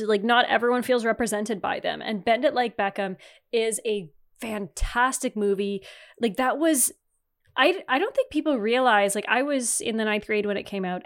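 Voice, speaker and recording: A woman in her thirties hosting a podcast, talking casually and enthusiastically, with plenty of "like" and some swearing. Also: fairly high pitch. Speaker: podcast host. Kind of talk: casual chat.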